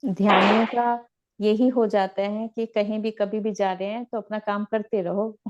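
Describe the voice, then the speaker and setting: Gentle woman meditation teacher, mellow voice. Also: medium pitch, steady tone, a little slow, muffled recording. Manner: gentle, repetitive, instructive. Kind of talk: guided spiritual teaching.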